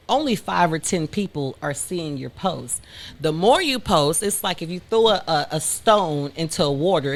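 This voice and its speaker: A woman from Detroit, a content creator, telling her story in a frank, animated interview chat. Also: low-pitched, vocal fry. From Detroit, Michigan.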